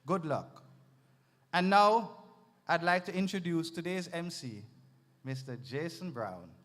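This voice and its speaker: A woman giving earnest, measured opening remarks at an event and introducing the emcee. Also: on the low side, expressive, slight background noise. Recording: long hall reverb.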